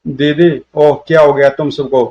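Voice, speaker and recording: A man's voice: a little high, flat delivery, normal speed, close to an everyday voice. Man doing a pleading old man who acts like a little boy. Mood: whining. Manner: childlike, whiny pleading. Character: old man over seventy acting like a pleading six-year-old boy. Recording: dull lo-fi audio.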